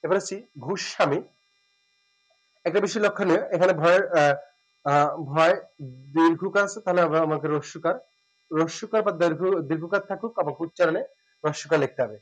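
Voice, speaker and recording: A man giving a spoken lesson, explaining step by step and repeating words slowly and drawn out. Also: fairly high pitch, rough recording. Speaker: teacher.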